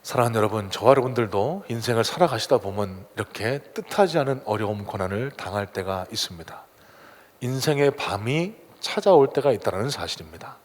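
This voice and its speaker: A male pastor preaching a dramatic sermon in a church, swinging between loud exhortation and hushed tones. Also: fairly low pitch, lively intonation, a little fast. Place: church sanctuary. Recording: long church hall reverb.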